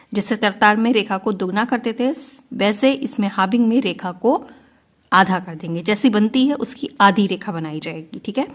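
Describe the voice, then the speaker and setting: A woman teaching a shorthand class, explaining each rule step by step and often checking that her students follow. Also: medium pitch. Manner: slow, patient, often checks in with "ठीक है?".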